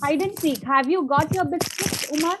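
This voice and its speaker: Casting note: young woman teacher on a video call, high voice, brisk and coaxing, with a faint hiss of line noise. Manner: brisk, coaxing, quizzing pupils by name. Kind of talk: online class teaching.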